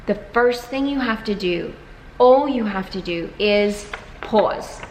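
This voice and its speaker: A woman's voice: mid-range voice, expressive, takes it slowly, slight background noise. A woman giving casual, earnest advice to camera as a wellness vlogger, acting out quoted inner voices. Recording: echoey room with long reverb.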